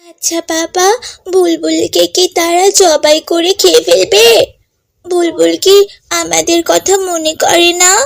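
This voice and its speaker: A woman's voice: very high voice, flat delivery, a little slow, creaky, no room sound, clean studio sound, exaggerated voice. A woman voicing a young girl, sweet and pleading, in a cartoon. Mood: wistful.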